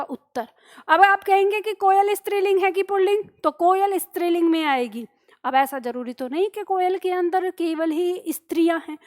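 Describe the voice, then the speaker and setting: A woman teaching an exam-prep lesson, explaining step by step, asking questions and answering them herself. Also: high-pitched. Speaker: Hindi teacher.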